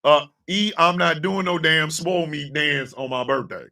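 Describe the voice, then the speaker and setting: A man in his fifties hosting a live stream, ranting with profanity and often breaking into shouts. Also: a little high, normal speed, vocal fry, recorded from a distance. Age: 50s. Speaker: host.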